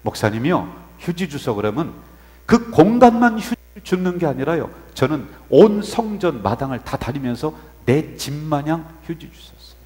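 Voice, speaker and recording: Male pastor, high voice, lively swings from soft asides to loud bursts, church sermon, long hall reverb. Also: moderate pace, crowd noise. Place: church sanctuary.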